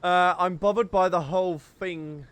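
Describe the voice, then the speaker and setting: A male gaming streamer with a smooth, high-pitched voice talks at a measured pace through playful, teasing let's-play commentary. He's animated and keeps breaking into giggles over faint game music.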